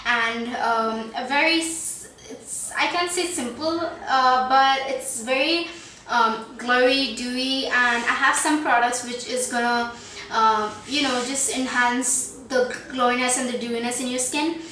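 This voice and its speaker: A young Indian woman, her Indian English carrying a touch of Trinidad, talks through a makeup tutorial in a small bedroom as a beauty vlogger. Her voice sits fairly high and sounds bright and pushed, with a measured pace, a pleading tone and lots of fillers. The distant mic picks up a roomy space and background noise.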